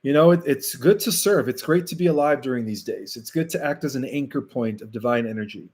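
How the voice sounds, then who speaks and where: A man whose native language is Spanish hosts a casual livestream, answering viewer questions slowly and deliberately with lots of fillers. His voice is medium-pitched and a little mellow.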